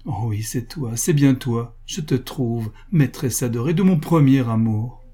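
A man's voice: mid-range voice, unhurried, mellow, breathy edge. A man voicing a passionate, adoring husband who speaks with ardent exclamations.

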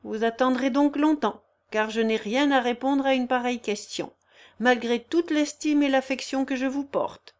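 A woman's voice: high voice, normal speed, close to an everyday voice. A woman reading the lines of an earnest, embarrassed young man in love, in an audiobook.

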